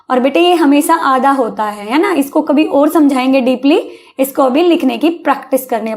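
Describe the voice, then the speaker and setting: High-voiced woman teaching young kids. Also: a little mellow. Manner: coaxing, calls listeners beta, asks "hai na?"; spells words out slowly. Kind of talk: Hindi vocabulary lesson for children.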